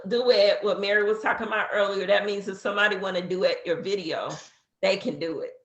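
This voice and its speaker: A business coach in her fifties who teaches social media casually guides a beginner through an app step by step, chatty and full of fillers. Her voice is medium-pitched and fairly bright, with reverb and the highs cut off.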